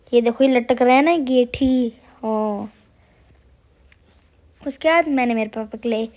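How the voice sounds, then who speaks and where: Young woman, sore throat, high-ish voice, playful self-mocking vlog voice-over. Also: warm tone. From Uttarakhand hills, India. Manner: chatty, self-mocking, addresses viewers as guys. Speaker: vlogger. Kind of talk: casual voice-over narration.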